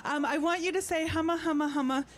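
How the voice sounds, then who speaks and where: A woman with a high voice talks fast and in a steady tone. She's a throat singer on an outdoor festival stage, chatting playfully and giving the audience informal instructions. The live outdoor recording picks up clear background noise.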